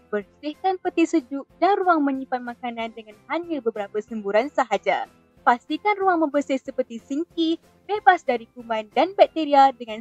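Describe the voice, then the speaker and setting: A Malaysian woman reading a scripted infomercial as a TV shopping announcer, pitching a product with careful enunciation. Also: darkish tone, no room sound. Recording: dull band-limited audio under music. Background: background music.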